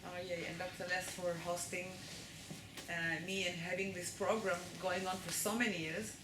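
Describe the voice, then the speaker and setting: Speaking with an Israeli accent, a woman delivers a lecture to a live audience, checking in with them regularly. Her fairly low voice moves at a normal speed and echoes through a reverberant room over a constant background hum.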